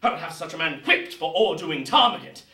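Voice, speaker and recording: A man's voice: a little high, animated, fairly quick, background noise, lightly acted. A man performing Hamlet as an impassioned, exacting prince in a declamatory theatrical Shakespeare monologue. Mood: indignant. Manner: declamatory, swelling to loud outbursts. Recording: roomy echo, distant mic.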